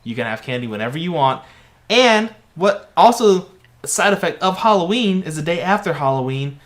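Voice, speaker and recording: A man co-hosting a casual podcast, arguing his point in a playful, animated way. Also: on the high side, moderate pace. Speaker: podcast host. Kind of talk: casual chat among friends.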